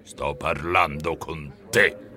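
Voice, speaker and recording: A man voicing a menacing male rat pirate innkeeper who roars his threats in a gruff, gravelly voice. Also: extremely low pitch, fairly even intonation, slow pace, sharp tone, soft background music, voice pushed down, full character voice. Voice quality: gravelly, growling. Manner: roaring and threatening. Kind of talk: audiobook character voice.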